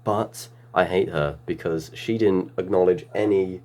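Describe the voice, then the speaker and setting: A man's voice: low voice, unhurried, a little mellow, slight background noise. A young man co-hosting a casual podcast, telling stories in a laid-back way. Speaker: podcast co-host. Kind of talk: casual chat.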